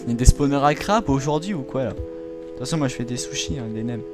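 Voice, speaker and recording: A young man gives casual let's-play commentary and talks straight to his viewers. He chats in a loose, giggly way as he explores. Game music plays clearly underneath. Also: medium pitch, quick pace. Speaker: gaming video host. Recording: game music playing behind.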